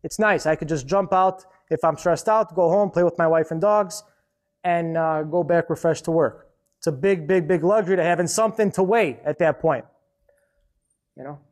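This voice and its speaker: A man with a notably high voice speaks at a business seminar, direct and emphatic. He is a middle-aged restaurant owner sharing hard lessons in a casual, conversational way. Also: normal speed. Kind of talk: live seminar talk. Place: conference hall.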